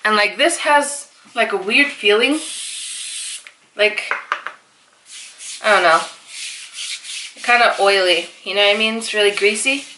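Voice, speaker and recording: A young woman vlogging to her viewers in a chatty, animated way, often laughing. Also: mid-range voice, a little slow, long pauses, noisy background. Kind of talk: casual chat to camera.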